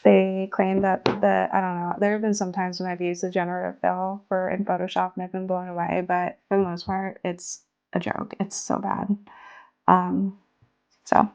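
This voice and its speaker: A woman's mid-range, darkish voice comes through lo-fi audio as she casually narrates a vlog in her home art studio. She is an artist with a small business, walking through her studio work in a chatty, self-mocking manner with lots of laughter.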